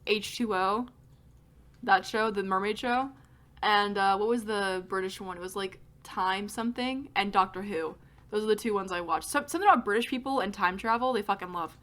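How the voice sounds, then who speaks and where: A woman chats on a casual podcast. Her voice is bright and clear, and she swears freely. She drifts from tangent to tangent with plenty of laughs. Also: medium pitch, normal speed. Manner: loose, profane, laughing storyteller. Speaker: podcast co-host. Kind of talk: casual chat.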